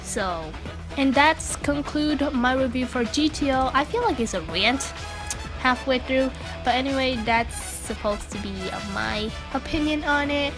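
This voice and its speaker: A woman's voice: sits high, measured pace. A woman with a stuffy cold reviewing an anime in a blunt, casual rant full of "like" and the odd swear word. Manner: chatty, blunt, swearing, lots of "like". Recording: music playing behind.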